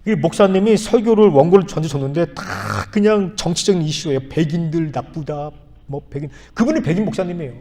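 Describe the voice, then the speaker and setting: A man in his fifties, a pastor, preaching a sermon, telling a story with soft asides and then earnest appeals. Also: on the high side, lively intonation, fast talker. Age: 50s. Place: church sanctuary. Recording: long church reverb.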